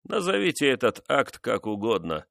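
A man voicing a cruel, vengeful nobleman who mocks his wife in a slow, menacing way. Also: mid-range voice, wildly swooping pitch, gravelly, a bit bright, no room sound, clean studio sound, heavily acted. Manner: mocking, menacing, measured.

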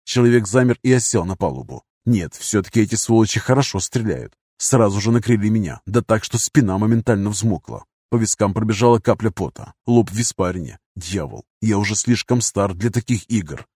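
A man's voice: on the low side, fairly quick, hardly any pauses, a little mellow, breathy edge, no echo, studio quality. A man reading a first-person action audiobook in a tense, punchy way, throwing force into the dialogue. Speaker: audiobook narrator.

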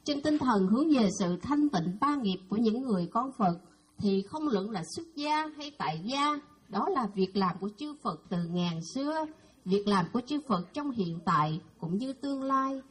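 Solemn woman presenter with a breathy highish voice. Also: lively intonation, moderate pace. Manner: solemn, formal honorifics. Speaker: ceremony presenter. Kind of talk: formal ceremonial address.

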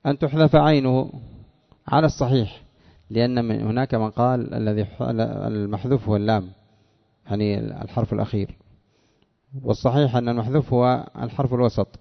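A man with a gravelly voice leads a classroom lesson, asking his students quick questions and answering them himself. He drags key words out slowly to drill them. The recording sounds dull and lo-fi. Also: medium pitch, steady tone. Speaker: Arabic morphology teacher.

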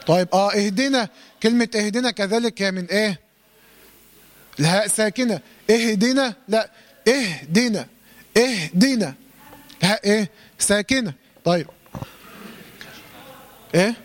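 High-voiced Egyptian tajweed teacher. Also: male voice. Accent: Egyptian Arabic. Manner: quizzes the class with questions, demonstrates recitation slowly. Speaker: Quran recitation teacher. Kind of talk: lesson to a class.

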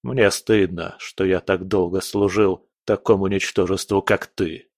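A weary, disgusted general with a deep, grim and contemptuous delivery, played by a man in an audiobook. The voice sits low and the sound is dry. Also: steady tone, unhurried, darkish tone, dry recording. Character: weary, disgusted middle-aged male general.

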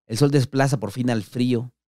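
A man's voice: medium pitch, normal speed, a little mellow, dry recording, clean studio sound. A man with a Mexican accent reading a gritty, slang-heavy story aloud. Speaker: narrator.

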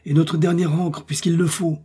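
A man's voice: a little high, flat delivery, normal speed, mellow, husky, pitched above the performer's own voice. A man voicing a bold scientist who leads a balloon voyage, giving urgent commands.

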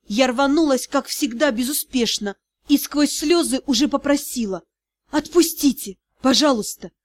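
A woman's voice: high voice, normal speed, no echo. A woman reading an audiobook aloud, with emotional first-person narration. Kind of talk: scripted narration.

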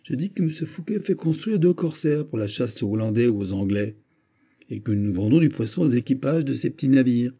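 A man's voice: mid-range voice, expressive, brisk, dark tone, husky, voice pushed up. A man narrator voicing a proud, plain-spoken Breton fisherman, in an earnest, firm manner.

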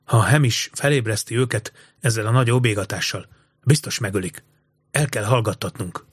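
A man voicing a tense, cautious older boy who speaks in a hushed hiss. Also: on the low side, breathy edge, no room sound, clean studio sound. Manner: hushed, hissing.

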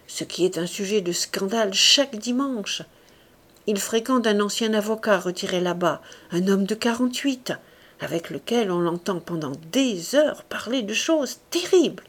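A woman's voice: medium pitch, natural voice. A woman reading the lines of an anxious, tearful former hotel keeper in an audiobook, in a pleading, distressed voice.

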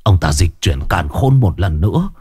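A man voicing a dying old patriarch who speaks weakly and gravely, halting at times, in a storybook reading. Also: lively intonation, darkish tone, no echo, studio quality, heavily acted. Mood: weary. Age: over 60 (figure). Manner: deep, weary, halting, breathy at times.

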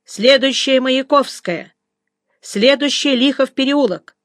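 A woman voicing a trolleybus conductor calling out stops in a monotone. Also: high voice, takes it slowly, dry recording, clean studio sound, voice pushed up. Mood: flat.

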